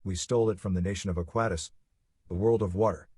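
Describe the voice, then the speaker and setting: A man playing a scared young pirate in a fantasy audio novel, pleading and eager to please. A low, husky voice, close and dry. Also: fairly even intonation, fast, dark tone, no room sound.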